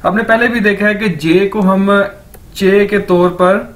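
A man with a Pakistani Urdu accent teaching a language lesson, drilling each word by repeating it slowly and checking that students follow. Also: high-pitched, steady tone, fairly bright tone. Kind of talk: classroom lecture.

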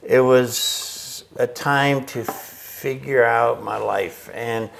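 A man's voice: mid-range voice, steady tone, drawn-out words, gravelly, a bit bright. An older man, a missionary who grew up in Chile, telling his story in a casual interview and acting out his own reactions with laughs. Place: indoor workshop with a pegboard wall. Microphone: lapel mic.

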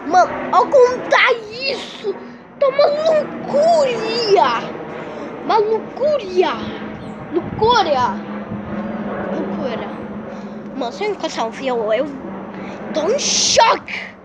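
Woman, Brazilian accent, home vlog, very high and lively voice, slow talk, noisy background. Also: lo-fi sound. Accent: Brazilian Portuguese. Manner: dramatic, exclaiming, repeats words. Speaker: vlogger. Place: at home, moving between rooms and garage.

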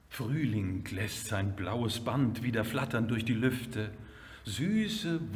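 Older man reciting poems slowly, reverberant. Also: a little hiss or hum. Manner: measured, lilting, with lively pitch. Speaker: gallery owner reading poems. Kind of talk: slow, expressive poetry recitation. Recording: long hall reverb.

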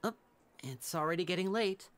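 A smooth young stage magician. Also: male voice, high-pitched, lively intonation, normal speed. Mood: teasing. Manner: gentle, playful and polished. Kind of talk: game voice acting.

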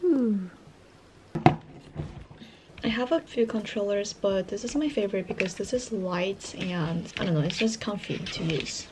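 A woman's voice: mid-range voice, measured pace, long pauses, background noise. A young woman doing a casual vlog voice-over, chatting about her new things. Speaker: vlogger.

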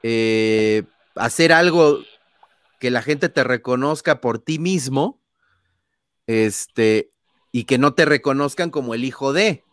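A man's voice: medium pitch, animated, takes it slowly, a bit bright, no echo, studio quality. A man with a Mexican accent, an interview guest telling anecdotes casually and acting out scenes with sound effects, often adding tag questions. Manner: frequent tag questions and fillers. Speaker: guest, son of a famous singer.

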